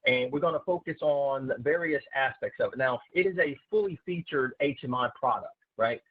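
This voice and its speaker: A man giving a software webinar as a systems consultant, halting with many filler sounds, his voice heard through a recorded online meeting. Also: medium pitch, dry recording. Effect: voice heard through a recorded online meeting's screen-share session. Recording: tinny, dry online-call audio.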